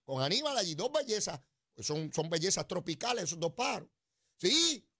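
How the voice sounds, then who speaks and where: Puerto rican guy ranting about politics, mocking and sarcastic, voice jumps high and all over. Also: sing-song, fast, fairly bright tone, breathy edge. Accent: Puerto Rican Spanish. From Puerto Rico. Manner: sarcastic, mocking, mimics crying whiny voices. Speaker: political commentary host. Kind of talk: political commentary monologue.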